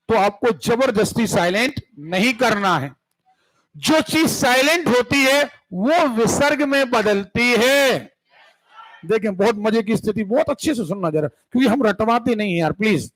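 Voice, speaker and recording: A man with a strikingly high voice teaches Hindi grammar at an unhurried, drawn-out pace. He carries a central Indian Hindi accent and keeps stopping to ask his students whether they are following. He sounds like a patient classroom lecture. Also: fairly bright tone, rough recording. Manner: keeps checking the class with "clear hai?" and "sun rahe ho?".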